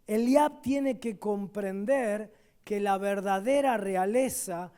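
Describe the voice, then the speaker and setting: A very high-pitched man with an Argentine accent preaches as a guest at a church service, alternating loud, emphatic proclamations with quieter side remarks.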